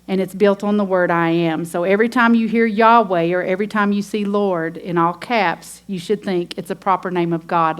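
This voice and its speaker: Earnest woman preaching. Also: on the low side. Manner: earnest, emphatic, reads scripture aloud. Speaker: women's ministry teacher. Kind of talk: sermon.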